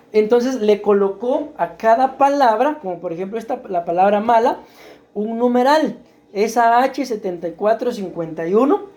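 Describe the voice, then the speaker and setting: A man's voice: high-pitched, a little mellow. A male pastor preaching a teaching sermon in a church, explaining step by step, often asking "right?" and putting questions to the congregation. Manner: explanatory, checks understanding with frequent "¿verdad?"; questions the congregation and waits for answers.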